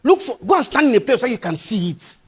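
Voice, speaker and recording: A middle-aged man giving a passionate motivational speech to young people, swinging between loud urging and quiet pleading. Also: very high voice, very animated, quick pace, husky. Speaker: motivational speaker.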